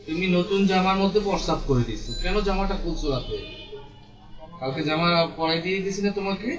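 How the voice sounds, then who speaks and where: A man's voice: on the high side, recorded from a distance, lo-fi sound. A man, talking to his cat in coaxing, scolding baby-talk. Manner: coaxing, scolding pet talk in colloquial Bengali. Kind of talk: affectionate baby-talk to a pet.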